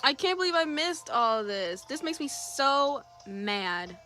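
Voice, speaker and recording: A young woman livestreaming while she draws, talking casually to her viewers. Her voice is bright and sits a little high, and her pitch jumps around a lot as she greets people in chat. She talks in an unhurried, easygoing way, with faint music playing behind her. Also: big pitch swings. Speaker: streamer.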